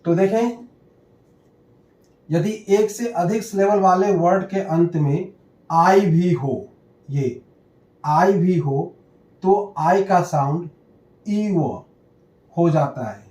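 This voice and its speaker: Male teacher, higher-pitched, mellow tone, very slow and deliberate delivery, echoey room. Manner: slow, deliberate, reads out word lists one by one. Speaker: English teacher. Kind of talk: pronunciation lesson.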